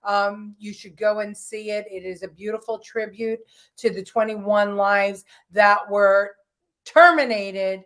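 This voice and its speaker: A woman's voice: medium pitch, fairly even intonation, measured pace, a bit bright. A woman co-hosting a political talk show, talking in an emphatic, opinionated way with frequent restarts. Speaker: podcast host.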